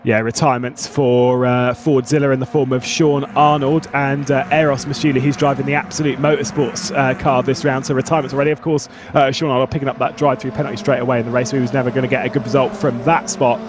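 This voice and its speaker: A man commentating live on an esports sim race as the lead caller, with excited play-by-play delivery. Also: medium pitch, fast talker, hardly any pauses, background noise.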